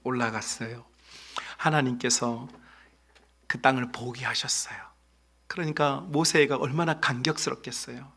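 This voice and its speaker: A middle-aged man preaching a sermon as pastor, telling a story with lively acted-out voices. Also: medium pitch, normal speed, vocal fry, husky. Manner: animated storytelling, acts out voices. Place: church sanctuary.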